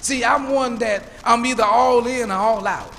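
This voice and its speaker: Male pastor, fifties, high voice, storytelling sermon, reverberant church hall. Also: moderate pace, gravelly, pushed and bright. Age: 50s. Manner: preacherly storytelling, repeats words when building up. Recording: church hall reverb, faint room noise.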